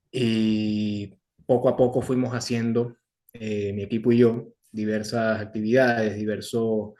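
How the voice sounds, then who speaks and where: A young Venezuelan man answers an interviewer in measured, formal sentences. He pauses often on "eh" while he gathers his thoughts, and his voice sits in a middle register. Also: medium pitch, darkish tone. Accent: Venezuelan Spanish. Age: 20s. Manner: measured, formal, with many "eh" fillers and restarts. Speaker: guest, young political activist.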